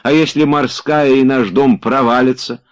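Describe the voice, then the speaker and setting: Man putting on a young woman, teasing and light, lively swings in pitch, storybook reading. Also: normal speed. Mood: playful.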